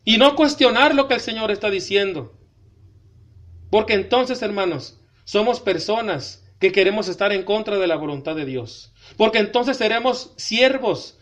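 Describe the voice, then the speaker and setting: A man preaching an emphatic sermon, reading scripture aloud slowly and breaking in with commentary to the congregation. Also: very high voice, fairly bright tone. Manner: repeatedly addresses the congregation as brothers, emphatic.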